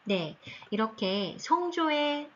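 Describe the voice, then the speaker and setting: Slow patient woman teaching language tones. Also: sits high, big pitch swings, dull audio. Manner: slow, patient, drawn-out tone demonstrations. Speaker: Chinese teacher. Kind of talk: recorded online lesson for seniors.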